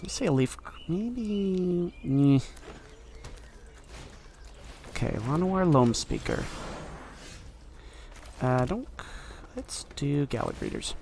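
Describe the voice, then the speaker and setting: Male streamer, gravelly, offhand play-by-play chat, light hiss in the background. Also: mid-range voice, huge pitch swings, unhurried, pauses often, darkish tone. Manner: thinking aloud while playing, offhand. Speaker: card game streamer. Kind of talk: casual gameplay commentary.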